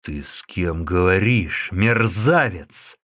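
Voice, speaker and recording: A huge, hot-tempered warrior monk roars his lines slowly and with fury, played by a man reading the tale. The voice strains upward, loud and lively in pitch. Storybook reading, dry close sound. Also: no echo, exaggerated voice. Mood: furious bellowing. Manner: shouting furiously, drawn-out words.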